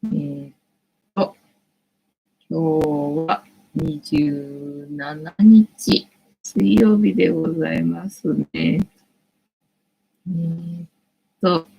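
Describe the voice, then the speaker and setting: A woman's voice: deep voice, extremely slow, creaky, long pauses, mellow, slightly rough, poor audio. A woman in her late forties hosting a casual livestream from home, rambling chattily with lots of fillers. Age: late 40s. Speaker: livestream host.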